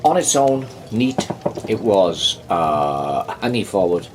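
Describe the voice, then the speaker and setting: Deep-voiced man rambling through a tasting. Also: sing-song, background noise. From United Kingdom. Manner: rambling, halting, with many ums and restarts. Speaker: whisky reviewer. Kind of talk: casual tasting review with a joke told aloud.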